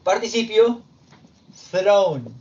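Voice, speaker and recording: A man teaching English verb forms, explaining slowly and step by step in Spanish with English examples. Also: high voice, sing-song, a little mellow. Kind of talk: recorded classroom lesson. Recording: dull lo-fi sound with faint background noise.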